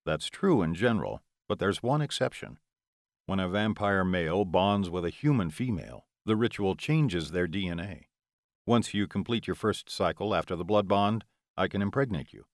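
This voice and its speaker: Male narrator as calm vampire lover, low and steady, dry close recording. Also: normal speed, no room sound. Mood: reassuring.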